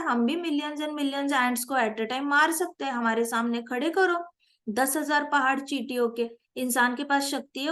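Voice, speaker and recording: Woman, high voice, animated scripture teacher. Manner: animated, mixes English phrases into Hindi teaching, asks class questions. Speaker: spiritual teacher. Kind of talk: scripture class lecture.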